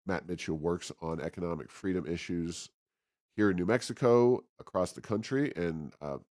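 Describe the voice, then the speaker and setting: This podcast co-host has a deep, slightly mellow voice, captured in a very dry recording. He handles commentary and announcements casually, talking conversationally with some halting moments.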